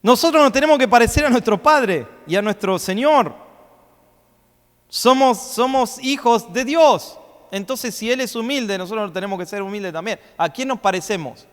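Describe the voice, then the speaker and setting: High-voiced preacher in an echoing church. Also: male voice. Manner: preaching with sudden loud rises and quick asides. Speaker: pastor. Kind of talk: sermon. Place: church hall. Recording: long reverb of a church hall.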